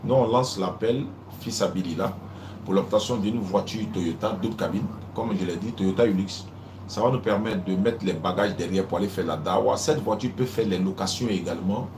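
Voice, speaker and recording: A man's voice: lowish voice, normal speed, echoey room, background noise. A man hosting a live religious call-in, talking casually, repeating himself and often calling out to silent callers. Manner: repeats phrases, keeps saying "Inch'Allah" and "Allô?".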